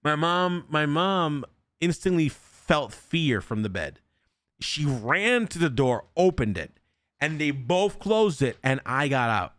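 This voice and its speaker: A young man on a podcast tells a haunted-house story in a loose, casual way. He swears freely and acts out every quote with real energy, his pitch swinging widely. The sound is close and dry. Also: very animated, slow, a bit bright, no room sound. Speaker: podcast host.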